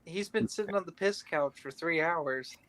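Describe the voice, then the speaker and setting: A man's voice: on the high side, moderate pace, a crowd in the background. A man tossing teasing comments into a casual group video chat. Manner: teasing interjections. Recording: loud noisy mic line.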